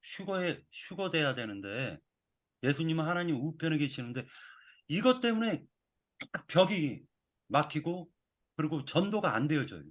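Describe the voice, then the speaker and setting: A man giving a sermon with a measured, reflective delivery. He pauses often and restarts phrases as he works through a thought. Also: fairly high pitch, sing-song. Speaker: preacher.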